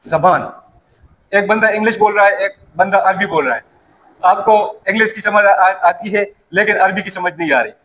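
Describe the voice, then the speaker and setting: Recorded roughly, a man with a high-pitched, fairly bright voice teaches a safety course in a classroom lecture. Pashto is his first language, and he comes from the Pashto-speaking region of Pakistan; his method is to raise questions and supply the answers himself.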